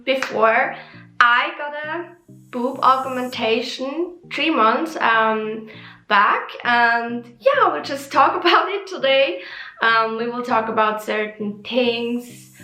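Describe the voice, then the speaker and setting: A young woman with a Swiss German accent talks openly in a casual vlog, often pausing on ums and correcting herself as she goes. Her voice is bright and sits a little high. The room sounds echoey, and faint music plays underneath. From Switzerland. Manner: chatty and open, with frequent ums and self-corrections. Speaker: vlogger.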